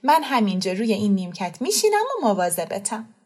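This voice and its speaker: A woman's voice: mid-range voice, big pitch swings, a little mellow. A woman reading an audiobook, voicing a cheerful young woman who coaxes a small boy in a sweet, persuasive way. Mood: coaxing.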